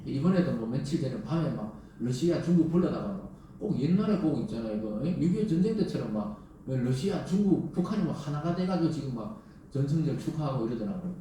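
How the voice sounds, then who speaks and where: A man's voice: mid-range voice, warm tone, slight background noise. A man preaching a sermon as pastor. He keeps asking the congregation rhetorical questions and acts out quoted lines. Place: church sanctuary. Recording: very echoey hall, mic at a distance.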